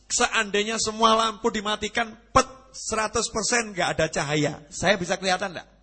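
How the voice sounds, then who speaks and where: A man giving a conversational sermon, swinging between loud emphatic lines and hushed ones. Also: high-pitched, breathy edge. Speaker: preacher.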